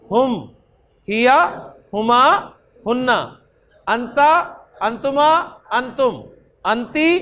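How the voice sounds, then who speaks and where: A man's voice: very high voice, fairly bright tone, slight background noise. A man teaching a classroom lecture and leading recitation drills with patient repetition. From Pakistan. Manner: patient, repetitive, often adds "ji". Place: classroom with students.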